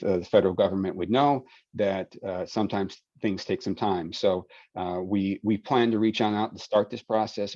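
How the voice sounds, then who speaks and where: A man moderating a public webinar and answering questions in a relaxed, filler-heavy, folksy way over a video call. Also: deep voice, dry recording. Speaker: webinar moderator and project lead. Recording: dry, dull video call audio.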